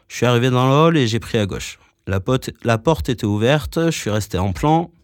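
A man narrating a story in a calm, matter-of-fact way. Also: medium pitch, fairly quick, dry recording, studio quality. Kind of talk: audiobook reading.

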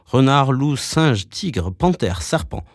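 A man narrating a story in a calm, matter-of-fact way. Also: medium pitch, slow pace, no room sound, studio quality. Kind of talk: audiobook reading.

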